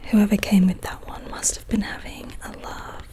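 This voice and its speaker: A woman's voice: mid-range voice, flat delivery, lightly acted. A woman playing a proud, mischievous leprechaun in a whispered role-play, with quaint phrases and lingering repeated words. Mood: scoffing. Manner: playful, haughty storybook leprechaun with quaint turns of phrase; slow, lingering repetition of words. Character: proud, mischievous leprechaun collector of trinkets and treasures.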